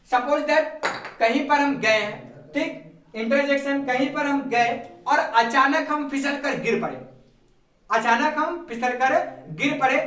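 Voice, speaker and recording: A male teacher giving a grammar lesson, asking questions and answering them himself, repeating key terms slowly. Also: extremely high pitch, fairly bright tone. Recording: echoey room, mic far off.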